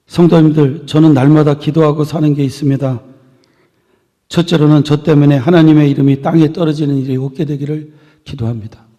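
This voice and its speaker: Male pastor, sermon, earnest emphasis, soft trailing endings, slightly high voice, long church reverb. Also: steady tone, fairly quick. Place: church sanctuary.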